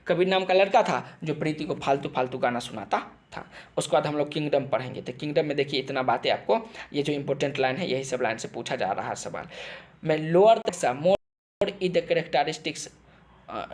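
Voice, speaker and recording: Hindi biology teacher drilling questions. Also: male voice, fairly high pitch. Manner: drills students with repeated questions and answers; switches between Hindi and halting read-aloud English. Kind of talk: exam-prep lecture.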